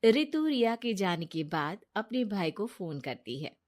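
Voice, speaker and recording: A woman narrating a cartoon moral story in a plain, steady way. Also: medium pitch, a little slow.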